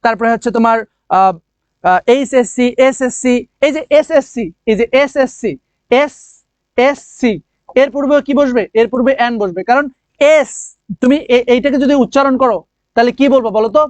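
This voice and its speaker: A man's voice: very high voice, no echo. A man teaches an English lesson for admission exams. He asks his students questions, answers them himself, and draws out the key words. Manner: drawn-out emphasis on key words. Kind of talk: online admission coaching lesson.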